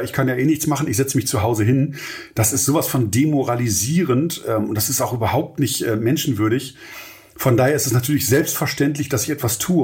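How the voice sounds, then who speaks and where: A man's voice: medium pitch, a little mellow. A middle-aged man hosts a solo podcast monologue in a mid-range voice. He speaks earnestly, coaching and motivating his listeners directly. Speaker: podcast host, entrepreneur.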